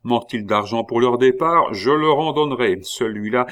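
A man voicing a calm, ironic king in an audiobook reading, humming and drawling before his lines. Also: mid-range voice, moderate pace, lightly acted. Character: King Louis XVI, calm, dry, ironic middle-aged man.

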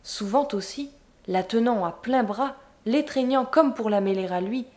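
A woman's voice: on the high side, measured pace, darkish tone. Woman reading a classic story aloud. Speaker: audiobook narrator. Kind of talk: dramatic literary narration.

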